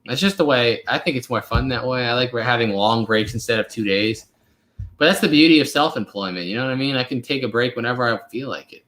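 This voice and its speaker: A fast-talking man in his twenties, the channel host, has a medium-pitched, fairly bright voice. He rambles loosely through a casual live question-and-answer chat, using many fillers. The recording sounds roomy and echoey.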